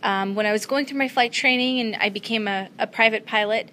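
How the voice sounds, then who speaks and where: Young woman from afghanistan, bright sharp voice, earnest with lots of ums, faint hum of a trade show floor behind. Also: fairly high pitch, a little fast. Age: young adult. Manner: earnest, steady, with frequent ums and uhs. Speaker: student pilot guest. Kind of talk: interview answers at a trade show. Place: convention floor.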